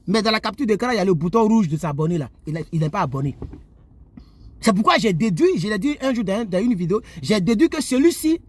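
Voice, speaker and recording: Seated inside, a man from Côte d'Ivoire speaks quickly in a high voice, preaching to his YouTube audience in an animated monologue aimed straight at them about how they should behave.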